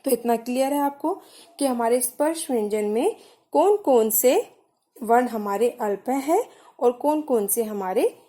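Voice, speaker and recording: A woman's voice: fairly high pitch, expressive, unhurried, dark tone. A young woman teaching a grammar lesson, patiently saying sounds one at a time for learners to copy.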